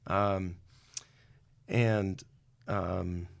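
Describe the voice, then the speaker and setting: Middle-aged guy guest on a podcast, kinda gravelly, low, candid and reflective. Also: fairly even intonation, extremely slow. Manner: candid, reflective, self-deprecating. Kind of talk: personal testimony in a podcast interview.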